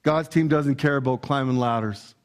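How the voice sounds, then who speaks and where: A man with a Canadian accent preaching a lively sermon in a church hall, playful and energetic as he talks straight to the congregation. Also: medium pitch, normal speed. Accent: Canadian English. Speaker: pastor.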